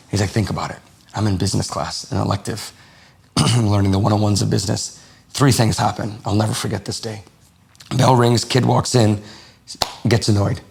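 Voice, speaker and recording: A man from the United States speaks as a podcast guest, with a low, gravelly voice full of vocal fry. He tells personal stories in a relaxed, conversational way and slips into the voices of people in his anecdotes. The delivery is animated and unscripted. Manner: animated, acts out quoted dialogue. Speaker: podcast guest, lifestyle coach. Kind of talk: casual interview storytelling.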